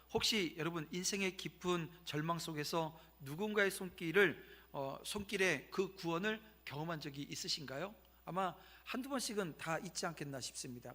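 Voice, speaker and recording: In a church sanctuary, a pastor in his fifties gives a Sunday sermon, telling a story conversationally and turning to address his congregation. His voice is on the high side with a sharp tone.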